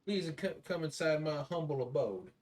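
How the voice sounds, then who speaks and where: A man voicing a gruff little settler in a tabletop game, folksy and courteous with old-fashioned formal phrasing. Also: fairly high pitch, expressive, moderate pace, voice pushed up. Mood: courteous welcome.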